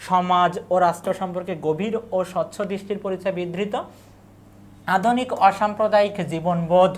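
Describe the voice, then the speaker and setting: In a slightly low voice, a woman teacher leads an exam-prep lecture. She asks questions, answers them on her own, and keeps repeating the important words.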